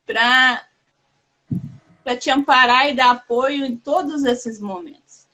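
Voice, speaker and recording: Woman, fairly high voice, casual live chat, warm, halting, lots of fillers. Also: low-quality recording. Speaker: host.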